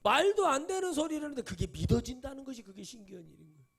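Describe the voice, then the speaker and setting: High-voiced man preaching animatedly. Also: rapid-fire. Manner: animated preaching, rhetorical questions, acted-out quotes. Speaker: pastor. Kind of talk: sermon.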